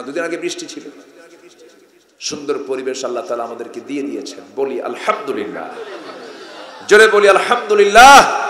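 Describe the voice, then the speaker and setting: A man preaching with a lively, bright and forceful voice. He drops to soft asides and then bursts into shouts, and he keeps calling on the crowd to answer him. The sound is echoey, as if carried over a public-address system at an open-air gathering. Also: mid-range voice. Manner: swings between soft asides and sudden shouts, rallies the crowd. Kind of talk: impassioned sermon with call-and-response. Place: outdoor religious gathering.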